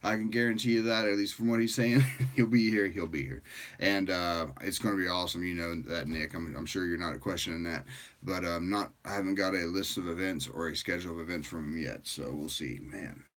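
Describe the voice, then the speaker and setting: A tired man hosting a livestream, chatting casually with viewers in a rambling, relaxed way. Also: low voice, fairly quick. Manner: rambling and relaxed, with frequent fillers and laughs. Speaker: livestream host.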